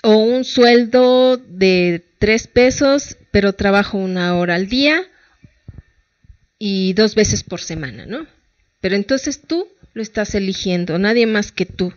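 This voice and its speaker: A woman's voice: medium pitch, lively intonation, a little slow, no room sound, highs cut off. A middle-aged woman psychologist with a Mexican Spanish accent, giving colloquial advice and asking her listeners rhetorical questions. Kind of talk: talk-show advice talk.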